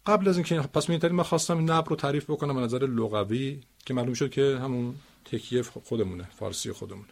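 A man teaching Quran recitation, explaining word stress with spoken examples in a slow, deliberate way. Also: medium pitch, gravelly.

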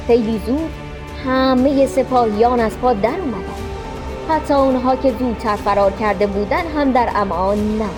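Brief: female storyteller, expressive children's-story narration, soft music bed. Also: a little high.

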